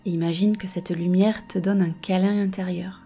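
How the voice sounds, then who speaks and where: A woman guiding a meditation softly and slowly, close in your ear, with a breathy voice that often slips toward a whisper. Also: fairly low pitch, fairly even intonation, soft background music. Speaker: meditation and hypnosis guide. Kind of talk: guided meditation, soft and slow.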